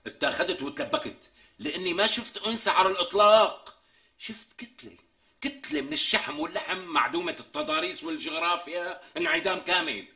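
A theatrical comic braggart. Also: male voice, high voice, creaky, bright, forceful tone, reverberant, heavily acted. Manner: theatrical, exaggerated, drawn-out emphasis. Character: boastful man mocking a woman, melodramatic. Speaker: comic sketch character. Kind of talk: TV sketch comedy acting.

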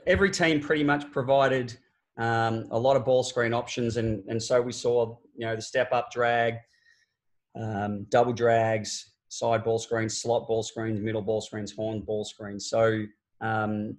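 A man in his forties talks through basketball clips for an online coaching clinic. He speaks at a mid pitch in a relaxed, explanatory way, often restarting phrases and using fillers. He sounds like a laptop webcam mic in a small home office. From Australia. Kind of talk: online coaching clinic talk over game video. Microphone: laptop webcam on a video call.

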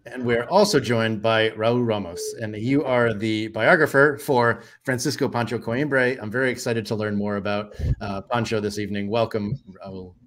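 A man's voice: fairly low pitch, steady tone, moderate pace, few pauses, fairly bright tone. Man hosting a video-call interview. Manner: friendly, hesitant with fillers. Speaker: host. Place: home office. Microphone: headset on video call.

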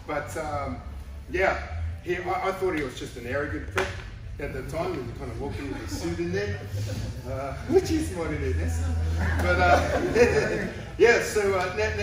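A man, a gym owner giving a hesitant, heartfelt, casual speech at a belt ceremony. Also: a little high. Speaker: gym owner and head coach. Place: indoor martial arts gym. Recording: echoey gym from far off with background noise.

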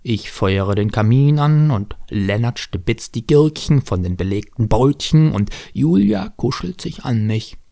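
A man reading his own first-person story aloud on stage, in a lively, expressive storytelling manner. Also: medium pitch, measured pace, gravelly, hardly any pauses.

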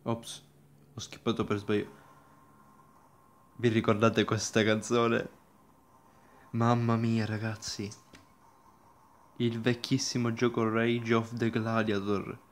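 A man's voice: mid-range voice, flat delivery, slow, long pauses, slight background noise. A young man hosting a gaming channel, commentating a mobile game casually, exclaiming, laughing often and tripping over his words.

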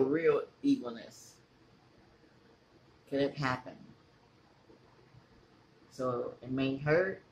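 A man's voice: medium pitch, darkish tone. Man talking while chewing, echoey room. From California. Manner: chatty, asks viewers questions. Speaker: mukbang vlogger. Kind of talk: casual talk to camera. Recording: echoey room with faint ambient noise.

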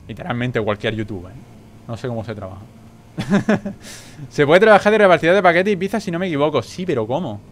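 A young man with a Spain Spanish accent giving excitable gameplay commentary, full of quick exclamations and swearing. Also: medium pitch, a little hiss or hum. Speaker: gaming YouTuber.

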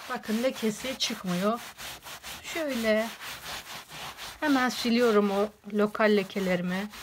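A woman's voice: medium pitch, a little hiss or hum. A woman in a casual how-to home cleaning video, chatting to viewers as friends while she works on a rug at home.

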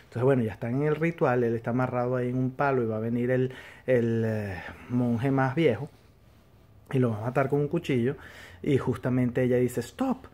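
A man talking through a TV episode as a casual reviewer, at a middling pitch. He rambles as he retells it, restarting phrases and trailing off with filler tags. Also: fairly even intonation, a little fast, a little mellow. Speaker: TV series reviewer.

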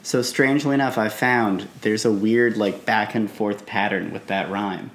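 A man's voice: on the low side, steady tone, normal speed, a bit bright. A man joking playfully in casual chat while playing a video game with friends. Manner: jokey, playful. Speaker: game player. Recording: echoey room, faint noise.

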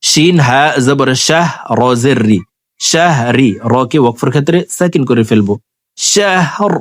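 A man teaching scripture reading who spells out each word, then chants it in a slow, drawn-out way between brisk explanations to his viewers. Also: medium pitch, no echo, clean studio sound. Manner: addresses viewers directly. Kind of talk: spelling-out recitation lesson.

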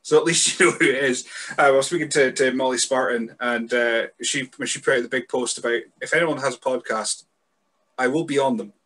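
A man's voice: mid-range voice, brisk, a bit bright. Brief: Scottish man, 30s, podcast host on headset mic, chatty and rambling. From Scotland. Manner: chatty, rambling questions with self-corrections. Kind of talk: casual interview over video call. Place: room indoors.

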